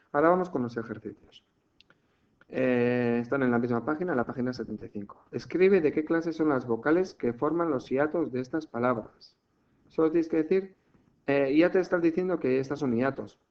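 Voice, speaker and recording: A man from teaching a language lesson, patiently explaining step by step and checking in often. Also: medium pitch. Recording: muffled lo-fi home recording.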